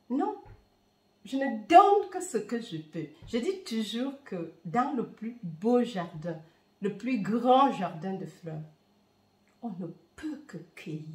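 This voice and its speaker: Woman host with a Bamileke accent, slow, fervent spiritual talk, roomy echo. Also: mid-range voice. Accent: Bamileke-accented French. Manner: warm, fervent, with hesitant fillers. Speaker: spiritual reader and channel host. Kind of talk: heartfelt spiritual talk to viewers.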